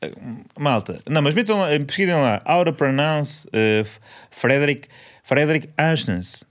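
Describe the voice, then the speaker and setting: A man's voice: fairly high pitch, lively intonation, a little slow. A young man with a European Portuguese accent, co-hosting a casual chat, playful and insistent, drawing out names as he says them.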